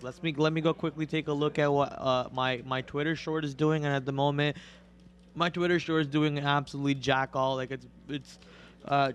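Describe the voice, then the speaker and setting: A young man with a raspy voice from a cold hosts a live stream as a day trader and co-host, talking through his trades and calling out prices as they move. His live trading commentary is a rapid, excited play-by-play that gets loud and high whenever a stock moves.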